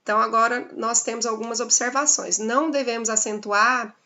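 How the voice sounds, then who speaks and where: Bright-voiced Brazilian woman teaching. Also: on the high side, steady tone, highs cut off. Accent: Brazilian Portuguese. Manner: explains slowly, spelling out examples with frequent "né?". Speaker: Portuguese teacher. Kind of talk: online class lesson.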